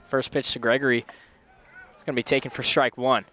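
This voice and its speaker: A man calling live college baseball play-by-play from a ballpark press box, fast with his calls and quick to laugh. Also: medium pitch, flat delivery, pushed and bright. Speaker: play-by-play commentator.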